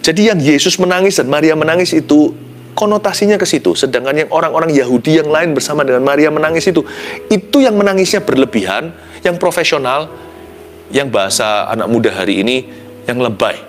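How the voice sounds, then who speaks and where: A man preaching a devotional sermon as a pastor, expressive, dropping soft and low then rising to sudden exclamations, slipping English phrases into his talk. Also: fairly quick, slight background noise.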